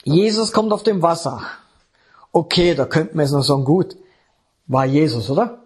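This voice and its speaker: A man's voice: a little high, expressive, normal speed, a little mellow, slightly rough. A man preaching a sermon with emphasis, often checking in with the congregation. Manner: emphatic, keeps checking in with the audience.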